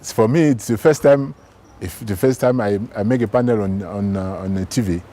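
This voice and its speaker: A man from Côte d'Ivoire, a researcher, speaking haltingly and repeating words as he searches for them. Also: lowish voice, dark tone, a little hiss or hum.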